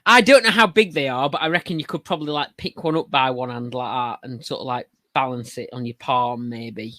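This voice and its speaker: A man's voice: medium pitch, a little fast, pushed and bright, no room sound. A man hosting a casual pub quiz on a podcast, giving rambling, hedging clues and laughing often.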